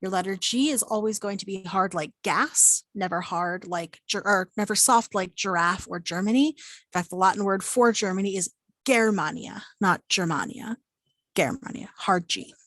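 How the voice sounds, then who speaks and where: A woman's voice: mid-range voice, normal speed, a bit bright, no room sound. A woman giving an unscripted online lesson on Latin pronunciation, with many ums and restarts as she explains. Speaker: Latin teacher. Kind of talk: online class lecture. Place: home, virtual presentation.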